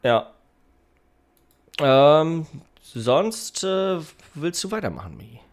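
A man's voice: a little high, very animated, slow pace. A man chatting casually as a podcast co-host, colloquial and often thinking aloud as he goes. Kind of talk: casual chat.

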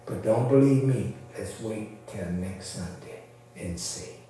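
A man with a fairly low voice preaches slowly in a folksy, conversational sermon style, repeating his points for emphasis and calling for amens. The background is noisy, and the mic sits far off in a very echoey room.

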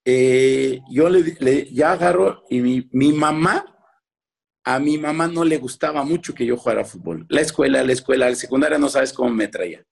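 Mexican man, ex-footballer guest, husky voice, rambling anecdotes, restarts often. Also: mid-range voice, moderate pace. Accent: Mexican Spanish. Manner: rambling with many restarts, acts out his parents' voices. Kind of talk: casual interview storytelling.

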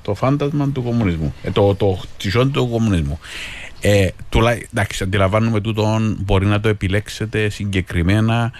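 A man with a fairly low voice and a Cypriot Greek accent talks in an unscripted discussion. He is deliberate, often pausing to search for the right word. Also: a little mellow.

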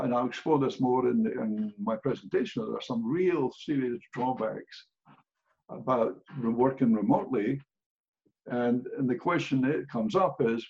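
A man's voice: medium pitch, creaky, a little mellow, highs cut off. An older man with a Scottish accent, speaking as a guest in a casual podcast interview, blunt and plain-spoken with dry humor. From Scotland.

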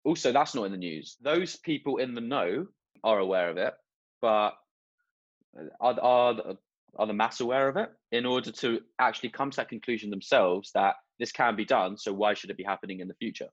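A man's voice: fairly low pitch, fairly quick. A man interviewing a guest, asking conversational, leading questions. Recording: dull lo-fi sound.

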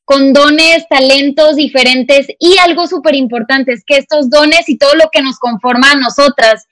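Speaking at a moderate pace in a high, fairly bright voice, this podcast guest is a twentysomething woman from Monterrey with a northern Mexican accent. She talks effusively and with emphasis in a casual interview recorded remotely, and there's no echo.

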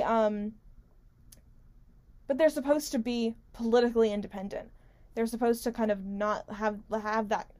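Her voice is a little high with a darkish tone as she hosts talk radio. She offers casual, unscripted political commentary, wandering conversationally, leaning hard on certain words and often cutting herself off. A close studio-style microphone picks her up, its stand squeaking.

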